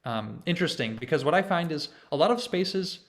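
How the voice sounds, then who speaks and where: A man's voice: fairly high pitch, lively intonation, fairly quick, a bit bright. Thoughtful man lecturing over a video call. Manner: thoughtful, explanatory, restarts often. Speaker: conductor presenting to a choir. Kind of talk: online lecture with chant demonstration.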